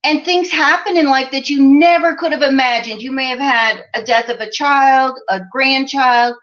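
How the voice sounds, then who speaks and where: A woman in her forties from the American Midwest talks on a live stream as a life coach, her voice bright and a little high. She chats loosely and reads out viewer comments, with plenty of "you know" and easy laughs. The audio is muffled and lo-fi. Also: moderate pace. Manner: chatty, lots of "you know", laughs often.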